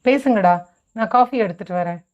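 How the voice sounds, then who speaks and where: A woman's voice: mid-range voice, brisk, lightly acted. Woman reading motherly middle-aged woman, reassuring, lo-fi sound. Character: middle-aged mother, fretful then relieved. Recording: dull lo-fi recording.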